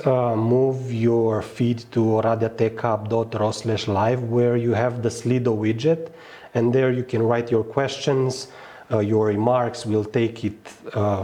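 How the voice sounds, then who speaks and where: A man's voice: on the low side, warm tone. Romanian man hosting a live panel. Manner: halting, many uh fillers and restarts. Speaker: event host. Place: outdoors at a fortress on a hot day.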